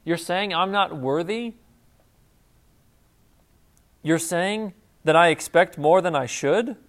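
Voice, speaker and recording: A man voicing an indignant king who fires sharp questions at a servant who failed him. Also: fairly high pitch, expressive, measured pace. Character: indignant nobleman king confronting a lazy servant.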